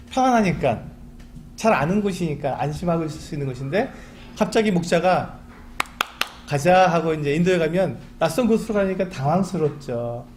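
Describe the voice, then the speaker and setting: A man's voice: a little high, a little mellow, a little hiss or hum. A man preaching a Sunday sermon as pastor, asking rhetorical questions and acting out little pleas in a chatty way. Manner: acts out quoted pleas to God. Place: church sanctuary.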